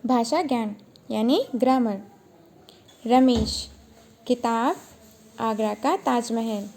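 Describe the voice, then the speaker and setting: A woman's voice: fairly high pitch, takes it slowly, a little mellow, a little hiss or hum. A woman teacher giving a recorded grammar lesson, asking questions and then answering them herself.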